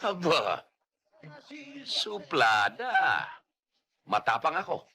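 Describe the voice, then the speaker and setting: An older man playing a cocky, blustery police officer who shouts orders. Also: fairly high pitch, sing-song, very slow, heavily acted. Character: brash older male cop, cocky tough-talking lawman.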